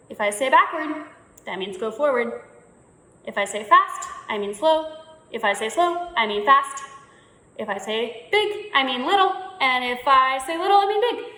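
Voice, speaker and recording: A woman leading a youth movement workshop, giving playful, encouraging instructions and calling out commands for a warm-up game. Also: high-pitched. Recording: echoey, reverberant room.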